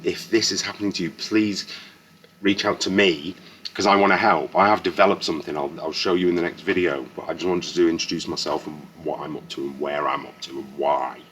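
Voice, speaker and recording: Man, fifties, very deep voice, frank halting vlogger. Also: a bit bright, slight background noise. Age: 50s. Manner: frank, earnest, halting with restarts and swearing. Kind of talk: candid personal story to camera.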